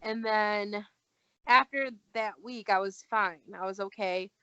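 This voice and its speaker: A woman's voice: medium pitch, a little slow, clean tone, no room sound. A young woman tells a personal story as a guest, chatting casually. She voices the people she quotes as she goes. The recording is dull and lo-fi, with a dry room. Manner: animated, acts out quoted dialogue.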